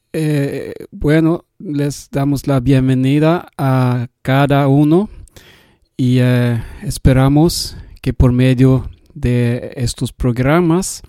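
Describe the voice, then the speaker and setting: A man from Sweden with a Swedish accent, a non-native speaker introducing an evangelistic radio program in a halting way, searching for words. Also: mid-range voice, warm tone, dry recording, studio quality.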